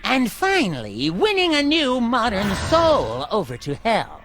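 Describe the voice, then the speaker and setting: A self-important little ringleader of hell in a video game. The delivery is prim and officious with animated pitch, set over music. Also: unhurried, exaggerated voice. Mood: smugly triumphant. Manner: officious, pompous. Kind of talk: video game character acting. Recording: music behind the voice.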